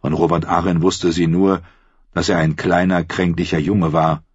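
A man narrating a novel in a calm, even storytelling voice. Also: deep voice, normal speed, husky, no room sound, dull audio. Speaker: audiobook narrator. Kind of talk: scripted narration.

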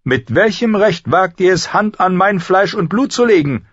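A man's voice: on the high side, lively intonation, moderate pace, no room sound, pitched above the performer's own voice. A man voicing a cold, haughty queen who speaks with accusing sharpness, on a slightly dull recording.

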